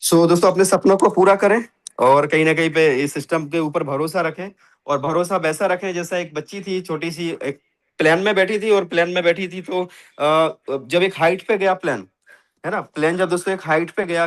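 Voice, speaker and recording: High-voiced man giving a motivational pitch. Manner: preachy and emphatic, repeats "dosto". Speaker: network marketing session host. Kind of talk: motivational pitch on a video call. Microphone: video call.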